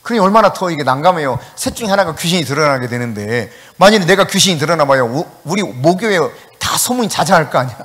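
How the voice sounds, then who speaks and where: A male pastor preaching a sermon, telling a story with acted-out dialogue and sudden shouted commands. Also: on the high side, lively intonation, fast, few pauses, big-room sound. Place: church sanctuary.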